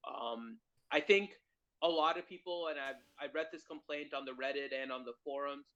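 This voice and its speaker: A man co-hosting a casual game livestream, speaking over an online call whose connection breaks up and cuts his voice in and out. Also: on the high side. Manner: relaxed, drawn-out talk with many fillers. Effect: voice breaking up over a bad connection. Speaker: co-host of a mobile game livestream. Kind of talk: casual chat. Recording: dull lo-fi online call audio.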